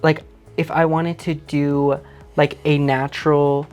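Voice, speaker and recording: A man's voice: fairly high pitch, flat delivery, slow pace, a little mellow. A man chatting casually as a guest, with informal, hesitant phrasing that often trails off. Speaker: producer being made up as guest. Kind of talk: casual chat. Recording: music playing behind.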